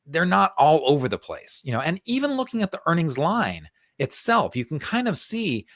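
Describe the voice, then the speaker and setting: A man's voice: on the high side, wildly swooping pitch, normal speed, fairly bright tone, no room sound, studio quality. A male co-host explaining stock charts in a casual, thinking-aloud way, with frequent fillers and repeated words. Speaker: co-host, stock market analyst. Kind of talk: conversational market analysis.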